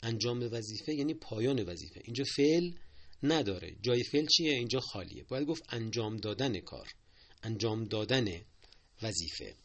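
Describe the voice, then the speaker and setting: Gravelly-voiced man teaching language usage. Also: lowish voice, lively intonation. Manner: patient and explanatory, repeats key points and asks listeners to take note. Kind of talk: spoken lesson on correct usage.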